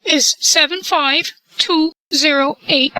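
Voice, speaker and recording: Voice-changed woman caller, a man doing it with software: high, slow, calm, dry close recording. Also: no echo, exaggerated voice, rough recording. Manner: calm and cooperative, answers briefly. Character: polite, unhurried adult woman caller. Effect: voice changer software making him sound like a woman. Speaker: prank caller. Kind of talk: prank phone call.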